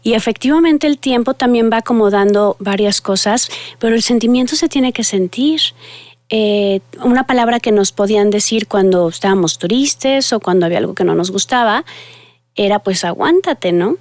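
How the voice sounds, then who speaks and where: A woman's voice: on the high side, no room sound. A woman psychologist, giving earnest advice to parents and speaking directly to her listeners.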